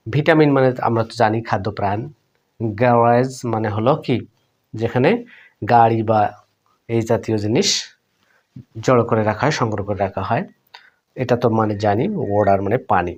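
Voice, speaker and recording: A man's voice: lowish voice, a little mellow, lo-fi sound. Man teaching pronunciation. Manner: addresses viewers as friends, repeats words slowly. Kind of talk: Bengali-language video lesson.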